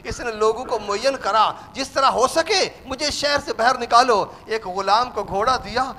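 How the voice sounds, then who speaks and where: A man's voice: very high-pitched, sharp tone. A man reciting a mourning sermon as a cleric, narrating in a chanted, lamenting way that rises into wails. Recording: long hall reverb.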